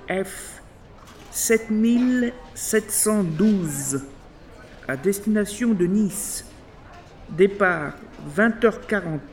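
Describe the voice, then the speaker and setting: A man's voice: high voice, a little hiss or hum. A man reading scripted airport announcements in a formal, segmented, phrase-by-phrase delivery.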